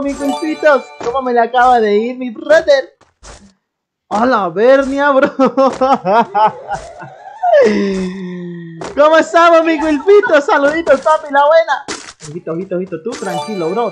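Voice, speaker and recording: A woman's voice: sits high, a little hiss or hum. A young woman from Colombia, live-streaming a game and hyping up her chat in slangy banter. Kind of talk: live gameplay commentary.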